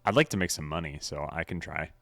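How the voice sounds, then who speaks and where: A man's voice: a bass voice, fast, creaky, a bit bright, no echo. A young man co-hosting a sports podcast in casual chat, with dry, wry humor. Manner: dry, wry jokes with frequent laughs. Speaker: podcast co-host.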